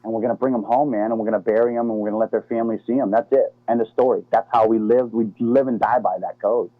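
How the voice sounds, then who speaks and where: Low-voiced man on a tinny phone line. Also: steady tone, quick pace, no echo. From United States. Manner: casual, slangy, repeats "man" and "dude". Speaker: interview guest, former Navy SEAL. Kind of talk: casual interview over the phone.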